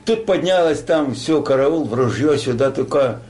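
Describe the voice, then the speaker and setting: A man's voice: a little high, lively intonation, moderate pace, a little mellow. An older man telling a war story like a grandpa, rambling and colloquial, acting out dialogue. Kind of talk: casual oral war storytelling.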